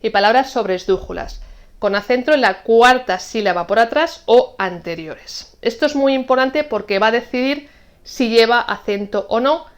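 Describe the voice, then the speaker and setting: A woman with a fairly high-pitched voice teaches an online Spanish lesson, explaining the rules clearly and patiently and saying example words slowly.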